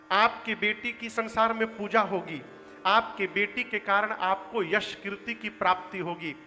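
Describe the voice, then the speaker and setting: An earnest, persuasive sage, as a man puts him on who makes grand pronouncements. The voice is high and bright for a man. A long hall reverb carries it, with soft music behind. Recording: echoey hall, faint music.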